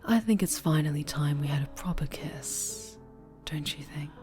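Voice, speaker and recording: A woman voicing a fallen hero turned possessive villain, speaking in a soft, breathy, menacing whisper in an audio roleplay. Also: sits low, moderate pace, over music, close to an everyday voice. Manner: taunting, cloying, menacing.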